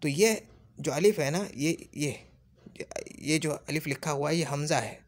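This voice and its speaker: A man's voice: a little high, measured pace. Man teaching Arabic grammar, patiently repeating. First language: Urdu. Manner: patient, repeats points and quizzes listeners. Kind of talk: classroom lesson.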